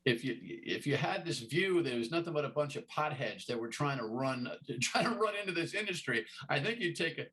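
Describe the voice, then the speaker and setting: A middle-aged male host with a slightly high voice winds through long, meandering questions. He stammers and restarts often as he circles his point. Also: animated, a little fast, hardly any pauses, a bit bright. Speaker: talk show host. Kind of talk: TV interview.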